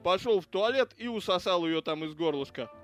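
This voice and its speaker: A man's voice: high-pitched, animated, a little fast, soft background music, pitched below the performer's own voice. A man reading the part of a foul-mouthed, grudging police officer who rants and curses about his stingy in-laws. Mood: ranting. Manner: crude, ranting, cursing. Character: foul-mouthed grudging adult male cop. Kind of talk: audiobook character reading.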